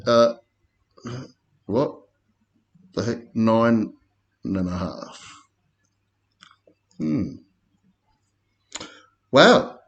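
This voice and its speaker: Slow laid-back Australian man. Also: medium pitch. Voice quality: laid-back, slangy, rambling. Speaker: crypto chart commentator. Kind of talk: casual chart commentary.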